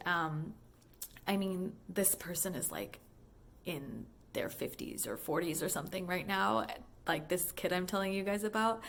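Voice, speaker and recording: In a creaky, mid-range voice, a high school English teacher and book fan chats through a casual monologue that sounds like a voicemail. She's musing and conversational, leaning constantly on "like" and "you know."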